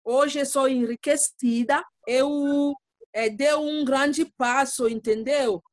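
High-voiced Congolese woman with a French accent. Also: fairly even intonation, dry recording. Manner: halting, searching for Portuguese words, tags with "entendeu?". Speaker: guest, lawyer and activist. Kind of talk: podcast interview.

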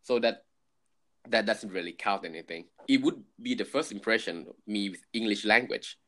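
Halting young Thai-accented man, casual. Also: on the low side, bright, forceful tone. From Thailand. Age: 20s. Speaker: conversational co-host. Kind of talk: casual chat.

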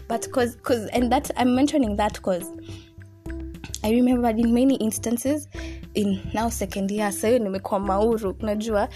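A woman in her twenties from Kenya with a Kenyan accent, telling personal stories in a casual, animated, giggly and informal way. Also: medium pitch. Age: 20s. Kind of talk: casual storytelling chat mixing English and Swahili.

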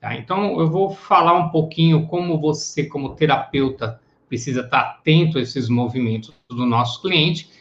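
A man's voice: fairly high pitch, a bit bright. A man teaching psychoanalysis in a live-streamed lecture, explaining patiently and checking in with listeners with short tag questions. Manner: explanatory, greets viewers by name, tag questions. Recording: echoey, dull lo-fi room sound.

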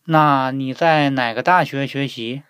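A man's voice: mid-range voice, a little slow, a bit bright, clean tone, no echo, studio quality, natural voice. A man playing a courteous job candidate in a scripted language-lesson dialogue, polite and inquisitive. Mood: polite, curious.

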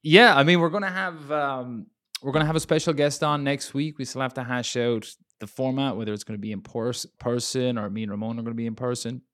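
A man in his young adult years talks local politics on a podcast, his voice sitting at an ordinary mid pitch. He rambles along loosely, full of "you know" and "um". His sentences circle back on themselves as he restarts them. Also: fairly quick, fairly bright tone. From Ireland. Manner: rambling, many fillers and restarts. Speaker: podcast co-host. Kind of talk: casual political chat.

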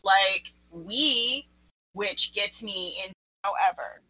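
A woman's voice: medium pitch, takes it slowly, crowd noise, low-quality recording. A woman co-hosting a casual chat show on a headset mic, her connection cutting in and out as she talks. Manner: excitable, swears freely. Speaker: podcast co-host.

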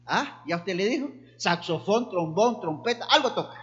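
A middle-aged man preaches with animated energy. His voice sits high for a man, and he lifts it further to mimic hesitant congregants. The recording is a little muffled. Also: moderate pace. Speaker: pastor. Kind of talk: sermon.

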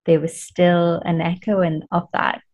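Gravelly low woman on lo-fi audio. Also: level tone, measured pace, darkish tone. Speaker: guest, coach. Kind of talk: conversational interview.

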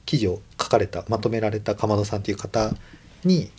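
A man's voice: lowish voice, normal speed, a little mellow, a little hiss or hum. A man speaking politely and thoughtfully as a podcast guest, nodding along often. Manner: polite, thoughtful, many backchannel nods. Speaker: guest co-host. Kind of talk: casual chat.

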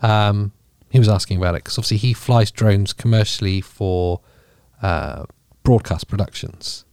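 A man's voice: lowish voice, normal speed, darkish tone, clean tone, no echo. A man co-hosting a podcast in casual chat at a studio microphone, joking, laughing often and restarting his sentences. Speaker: podcast co-host.

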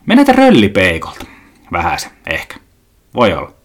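A man's voice: low-pitched, huge pitch swings. A young man hosting a solo podcast, rambling through jokey, self-mocking stories and swearing casually. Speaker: podcast host.

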